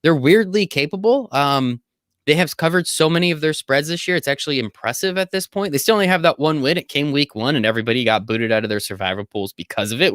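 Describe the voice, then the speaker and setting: Jokey, energetic man on a sports podcast. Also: medium pitch, no room sound, studio quality. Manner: energetic, jokey, swears casually. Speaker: podcast co-host. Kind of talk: casual sports betting chat.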